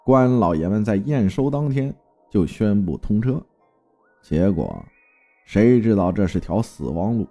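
A man's voice: fairly low pitch, animated, measured pace, mellow, faint music behind. A man from Fujian narrating a folk tale in a dramatic storytelling manner. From Fujian, China.

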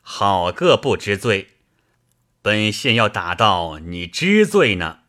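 A man's voice: lowish voice, very animated, moderate pace, pushed and bright, full character voice. A man voicing a stern, scornful old county magistrate who barks his questions. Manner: barking, scornful.

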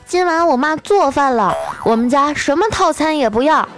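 A high, whiny little boy, cheeky and naive, who blurts out whatever he thinks, as a woman puts him on. His pitch jumps well above a grown voice. Faint music hums behind him in this comic story. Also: expressive, normal speed. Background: faint background music.

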